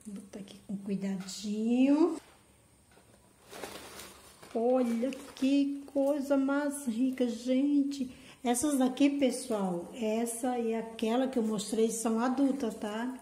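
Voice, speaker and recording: A woman's voice: a little high, steady tone, takes it slowly, mellow. A woman hosting an orchid channel, unboxing plants in a casual vlog and gushing over each one with affection. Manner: gushing, affectionate, repeats "gente". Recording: echoey room.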